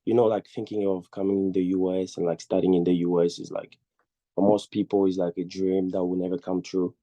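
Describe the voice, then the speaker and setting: Dark-voiced young Congolese man. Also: deep voice, little pitch movement, a little fast, no echo, dull audio. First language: not English. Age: young adult. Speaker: student speaker sharing their journey. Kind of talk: informal personal storytelling. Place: online video call.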